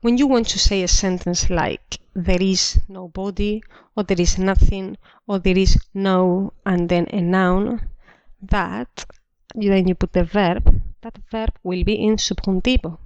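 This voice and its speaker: A woman teaching a language lesson, explaining slowly and repeating each example sentence twice. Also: medium pitch, fairly even intonation, darkish tone, clear, resonant tone, dry recording. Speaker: Spanish teacher. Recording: dull dry lo-fi recording.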